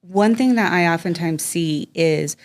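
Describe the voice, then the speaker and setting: A woman's voice: lowish voice, a little slow, a little mellow. A woman hosting a podcast interview who asks questions and keeps up a stream of short affirmations while her guest talks. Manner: attentive, frequent short affirmations. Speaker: podcast host.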